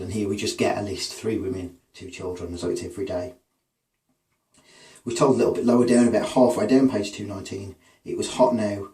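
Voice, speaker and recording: A man's voice: lowish voice, a little mellow. A male English teacher explaining a novel passage by passage, reading quotes aloud and adding tag questions to check understanding. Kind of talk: literature analysis lesson. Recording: echoey room, voice from a distance.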